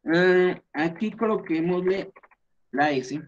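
A man's voice: sits high, takes it slowly, lo-fi sound, a little hiss or hum. A man with a Colombian accent teaching a class, explaining things patiently step by step and often checking in with his students. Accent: Colombian Spanish.

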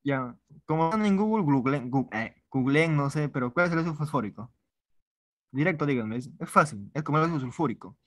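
A Peruvian chemistry tutor with a slightly high, animated voice speaks a little fast; the recording is dry and of studio quality. He runs an informal online review class, repeating words while he writes problems on the board.

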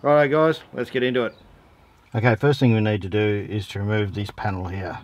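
Working outdoors around vehicles and in a driveway, the forty-something Australian host of a four-wheel-driving how-to channel explains a DIY job casually and matter-of-factly, full of laid-back slang. His voice sits on the low side, steady and fairly quick. Background ambient noise is noticeable.

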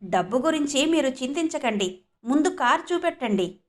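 A woman voicing a polite, poor-looking old man who speaks gently and patiently. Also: high-pitched, lively intonation, moderate pace, voice pushed up. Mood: calm.

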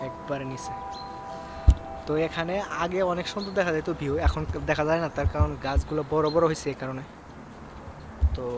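A young man from Bangladesh with a Bangladeshi Bengali accent, chatting repetitively to his viewers as a travel vlogger outdoors on a hilltop, filmed on a handheld phone. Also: on the high side. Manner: chatty, repetitive, keeps addressing viewers as guys. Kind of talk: casual travel vlog narration. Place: outdoors on a hilltop site, in the rain. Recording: noisy outdoor phone recording.

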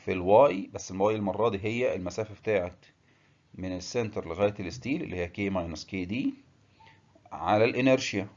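A man with an Egyptian Arabic accent giving a technical engineering lecture, explaining step by step with filler pauses and English terms. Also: fairly low pitch, darkish tone, dull audio.

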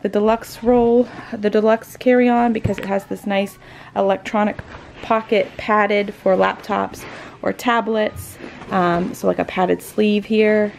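Chatty mom vlogger with gravelly edge. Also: female voice, medium pitch, a little mellow, a little hiss or hum. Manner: chatty, lists items while packing. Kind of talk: casual packing vlog narration. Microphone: camera pointed down at items, speaker off-screen.

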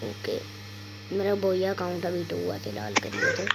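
A woman's voice: lowish voice, wildly swooping pitch, fairly quick. A woman with a sore throat giving casual, chatty commentary as she plays a game, mixing in English phrases. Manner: chatty, mixes English phrases into her talk. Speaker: gamer. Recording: loud background noise with clicking.

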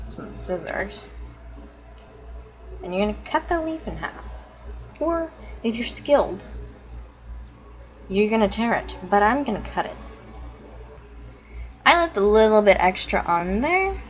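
A woman talking through a makeup tutorial in a casual, chatty way, often joking at herself. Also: mid-range voice.

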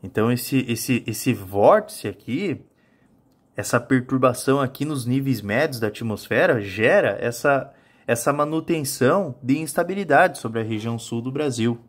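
A man in his thirties with a southern Brazilian accent, a meteorologist hosting a weather channel, gives an informal forecast to camera from a small indoor home office full of monitors. His medium-pitched voice is animated at normal speed, and he explains things colloquially while frequently checking in with viewers.

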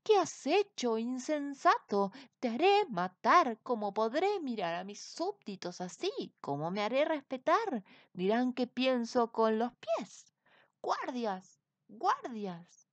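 A woman voicing a proud, demanding man king who shouts orders and complains of his pains. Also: a little high, big pitch swings, slow pace, dry recording, heavily acted. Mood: panicked. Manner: commanding, exclaiming.

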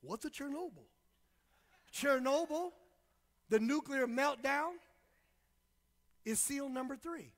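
A man's voice: very high voice, lively intonation, takes it slowly, long pauses, big-room sound. A male pastor preaching a fiery sermon with call-and-response and lots of repetition. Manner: impassioned preaching, call-and-response, repeats phrases.

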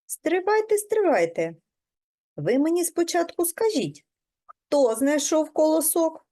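A woman's voice: high-pitched, very animated, slow pace, warm tone, voice pushed up, exaggerated voice. A woman doing a hardworking storybook rooster. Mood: questioning. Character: hardworking patient male rooster. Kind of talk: storybook reading for children.

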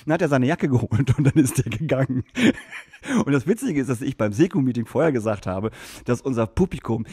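A man at mid pitch, telling a story in casual podcast chat. He talks loosely and slangily, restarting his sentences and slipping into the voices of the people in his tale. The sound is close and dry, with no room in it. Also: a little fast, husky, dry recording. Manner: animated anecdote-telling, acting out quoted voices. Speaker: podcast co-host.

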